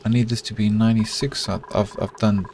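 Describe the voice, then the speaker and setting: Against background noise, a middle-aged man with a South African accent speaks fairly quickly in a voice on the low side. He streams a colony-building game, keeping things relaxed and chatty with his live chat and talking himself through each build.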